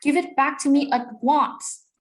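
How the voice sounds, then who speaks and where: Woman reading as a plucky young girl, high, slow and earnest storybook voice. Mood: defiant. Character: young farm girl, brave and polite. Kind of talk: storybook read-aloud for English learners.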